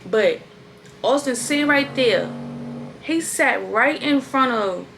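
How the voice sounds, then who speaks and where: A woman's voice: sits high, expressive, slow pace, vocal fry, background noise. A woman ranting casually in a recap vlog, blunt and profane, circling back to the same points. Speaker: reality-show recap vlogger. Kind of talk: casual rant.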